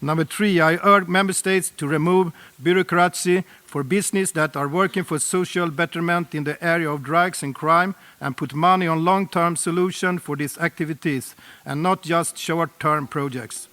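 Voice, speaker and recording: A middle-aged man from Sweden with a Swedish accent, giving an earnest, deliberate prepared address at a roundtable, with small slips in his English. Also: a little high, steady tone, sharp tone. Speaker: speaker at a UN roundtable.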